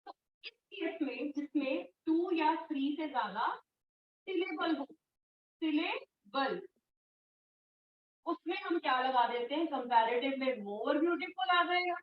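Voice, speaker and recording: A woman teaching English grammar in an online class, patient, repeating and drilling words slowly. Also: sits high, expressive, roomy sound, distant mic, dull audio, a little hiss or hum. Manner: firm when scolding students.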